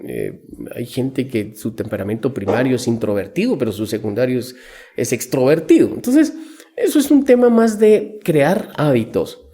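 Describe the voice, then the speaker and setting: Business coach, man, warm mellow tone, very lively delivery. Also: mid-range voice, normal speed, slightly rough. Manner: animated storyteller acting out quotes. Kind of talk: podcast interview.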